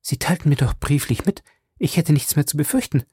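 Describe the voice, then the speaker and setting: A man reading the part of a proud, wounded young woman who speaks in high, trembling reproaches. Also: a little fast, warm tone, slightly rough, no echo, studio quality. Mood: alarmed.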